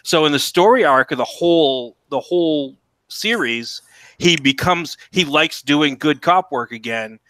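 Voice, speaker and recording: A man with a bright, forward voice talks casually on a livestream. He rambles and halts, circling back over phrases before finishing them. The sound is very dry, with hardly any room around it. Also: fairly high pitch, expressive, no room sound. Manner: rambling, halting, repeats and restarts phrases. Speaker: stream participant chatting about TV shows.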